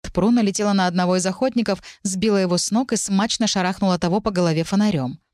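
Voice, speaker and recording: A woman reading a first-person fantasy story aloud, dramatic and tense, with sharp shouted lines for the characters. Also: mid-range voice, fast, dry recording, clean studio sound. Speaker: audiobook narrator.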